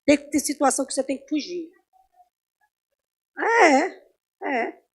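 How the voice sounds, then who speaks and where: Woman, high voice, chatty Bible class teacher who quizzes her class. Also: very animated, slow. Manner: conversational, asks the class questions, swings between loud and soft. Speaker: Sunday school Bible teacher. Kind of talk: informal Bible class teaching with personal stories. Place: church.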